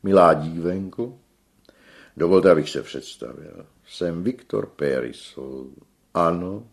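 Man voicing a pompous male opera tenor, loud, theatrical, gravelly edge. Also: sits low, voice pushed up. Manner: loud, theatrical and self-important. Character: flamboyant vain male opera tenor, grand.

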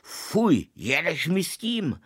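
A man voicing a startled, shouting middle-aged father in a children's story. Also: huge pitch swings, slightly rough, no echo, clean studio sound, exaggerated voice. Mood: alarmed. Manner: shouting, high and strained.

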